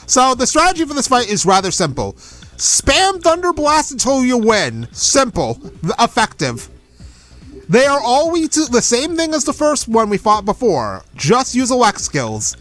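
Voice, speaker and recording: A man's voice: extremely high pitch, wildly swooping pitch, unhurried, a bit bright. A young man casually commenting on a game he is playing, chatty and giving strategy tips. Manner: chatty, gives strategy tips, self-correcting. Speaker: let's play host.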